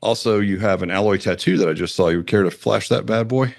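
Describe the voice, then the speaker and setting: A man's voice: lowish voice, brisk, gravelly. A man hosting a podcast, upbeat and chummy, laughing often with his guest. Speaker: podcast host. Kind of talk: casual podcast interview.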